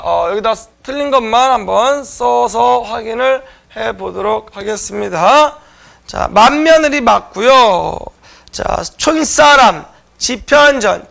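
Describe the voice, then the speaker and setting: A man's voice: extremely high pitch, gravelly, a bit bright. A man teaching an online exam-prep lecture, explaining answers to viewers with frequent filler sounds.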